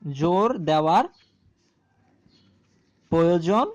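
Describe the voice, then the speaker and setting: Here a woman with a lowish, somewhat dark voice gives a grammar lesson for video viewers, and the audio has its high frequencies cut off. She takes her explanations slowly, repeating important terms and answering her own questions.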